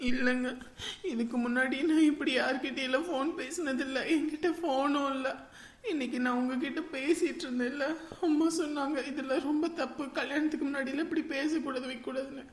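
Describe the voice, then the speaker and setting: A woman acting a young bride-to-be who softly and hesitantly explains through tears. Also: high voice, fairly even intonation, fairly quick, natural voice. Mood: teary, timid. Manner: soft, hesitant, sobbing. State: crying. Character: young bride-to-be, timid and teary. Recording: echoey room.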